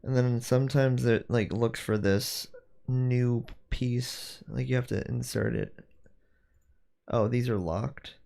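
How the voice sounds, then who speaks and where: Gravelly man thinking aloud on stream. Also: mid-range voice, slow pace, warm tone. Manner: rambling, self-correcting, thinking aloud. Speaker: streamer doing 3D design. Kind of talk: casual livestream chat while working.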